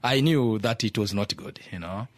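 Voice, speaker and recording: Halting male guest. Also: lowish voice, no echo. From Tanzania. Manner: halting, many fillers and restarts. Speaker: interview guest. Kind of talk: hesitant conversational English.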